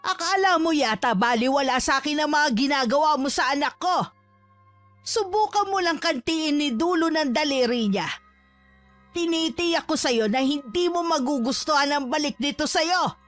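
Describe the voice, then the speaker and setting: A woman's voice: on the high side, measured pace, lightly acted. A woman voicing a loving mother who is tender with her son and fierce toward those who threaten him. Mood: furious. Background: faint music.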